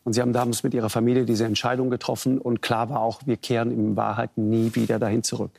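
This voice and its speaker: A man's voice: medium pitch, flat delivery, fast, gravelly, darkish tone. A man hosting a TV talk show, asking probing questions with frequent fillers and interjections.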